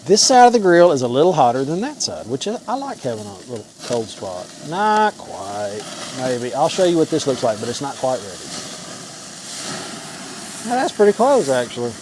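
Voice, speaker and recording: A man's voice: mid-range voice, big pitch swings, moderate pace. A man hosting a home cooking vlog, talking to the camera in a casual, folksy, informal way as he cooks. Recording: clear sizzling and frying noise. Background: food sizzling on a grill.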